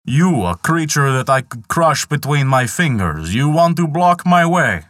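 A huge boastful giant sneers at a tiny stranger in this storybook tale, loud and scornful, as a man narrating puts him on, his voice pushed a little higher and brighter than plain narration. The sound is close and dry. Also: animated, unhurried, no room sound.

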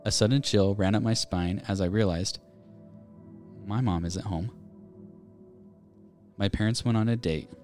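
A man's voice: on the low side, a little slow, pauses often, soft background music. A man co-hosting a podcast, reading listener ghost stories aloud and chatting casually. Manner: reads aloud in a steady storytelling way. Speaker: podcast co-host.

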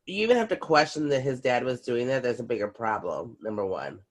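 A woman's voice: a bass voice, lively intonation, fairly quick. A woman co-hosting a casual podcast, reacting frankly with disgust and swearing freely. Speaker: podcast co-host. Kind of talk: casual chat.

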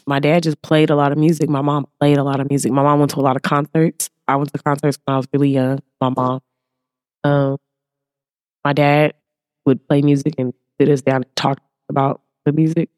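A woman's voice: deep voice, little pitch movement, a little fast, a little mellow, dry recording, clean studio sound. An American woman from Oakland with a Bay Area accent, chatting casually and slangily as a podcast guest. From Oakland, California. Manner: laid-back, slangy. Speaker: podcast guest, music artist. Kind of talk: casual chat.

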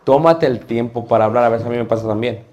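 A man's voice: mid-range voice, quick pace, a little mellow, muffled recording. A middle-aged man teaching a class on preaching, asking the students rhetorical questions. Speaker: homiletics teacher.

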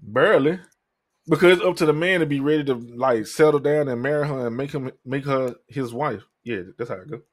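A man of thirty hosting a podcast, talking casually with brash, profane bluntness and breaking into loud laughter. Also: mid-range voice, a little fast. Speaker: podcast host. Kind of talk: casual chat.

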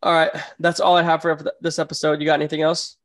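A man's voice: a little high, completely flat delivery, fast talker, fairly bright tone. A young man co-hosting a casual podcast chat, easygoing and agreeable, often hedging his opinions. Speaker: podcast co-host.

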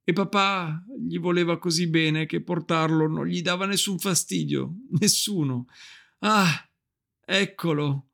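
A man voicing a weary, tender mother who hides her tears, speaking softly in a storybook reading. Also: fairly high pitch, a little slow, vocal fry, pitched above the performer's own voice. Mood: tender, brave. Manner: soft, gently brave.

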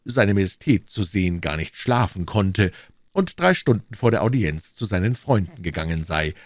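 A man narrating an audiobook in an expressive storytelling manner. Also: sits low, moderate pace, dry recording, clean studio sound. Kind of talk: scripted narration.

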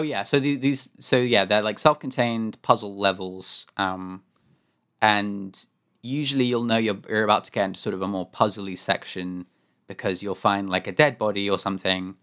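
A man's voice: fairly low pitch, moderate pace, a bit bright, smooth. A man co-hosting a podcast from home, chatting casually about a game in a rambling, wry way, often correcting himself. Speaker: podcast co-host. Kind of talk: casual chat.

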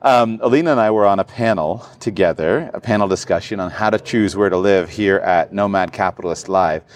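A man's voice: sits low, fairly quick. A man hosting a podcast interview, friendly and asking short follow-up questions. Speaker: podcast host.

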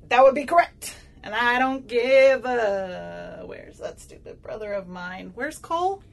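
A woman's voice: fairly high pitch, lively intonation, unhurried, vocal fry. An actress playing a sarcastic woman show host who has been drinking, with a smoky voice and a rambling manner. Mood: ranting. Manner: sarcastic, rambling, swings loud and soft. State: tipsy from drinking. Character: tipsy sarcastic woman podcast host, prickly. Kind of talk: audio drama.

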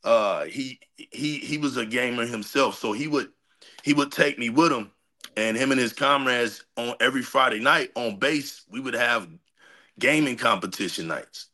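A man's voice: medium pitch, moderate pace, bright, forceful tone. A man being interviewed as a guest on a livestream, talking from a workshop where his voice echoes around the room. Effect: room echo from a shop space.

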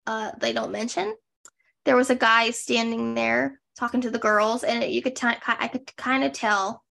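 Snarky gravelly-voiced woman podcaster. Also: fairly high pitch, fairly bright tone. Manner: snarky, rambling, heavy use of "like". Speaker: podcast co-host. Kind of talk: casual recap chat.

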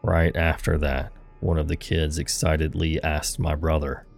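Male horror podcast host, very low, flat, gravelly narration. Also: measured pace. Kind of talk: scripted horror story narration. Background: soft music.

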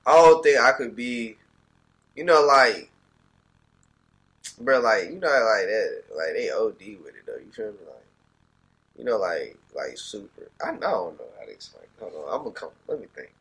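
A man's voice: on the low side, animated, normal speed, a bit bright, breathy edge, poor audio. A young man hosting a casual podcast, teasing and playful, full of slang and rambling. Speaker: podcast host.

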